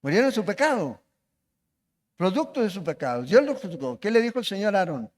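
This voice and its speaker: A man's voice: high voice, big pitch swings, fairly quick. A man preaching a sermon as pastor, asking the congregation questions as he goes. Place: church hall. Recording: long reverb of a church hall.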